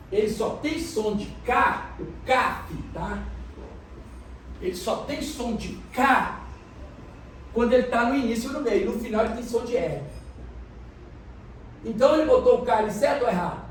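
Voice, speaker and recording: High-voiced pastor in an echoey hall. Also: male voice, expressive, unhurried, long pauses, slight background noise. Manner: explains and quizzes the congregation. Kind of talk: sermon. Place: church hall. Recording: echoey church hall, mic from a distance.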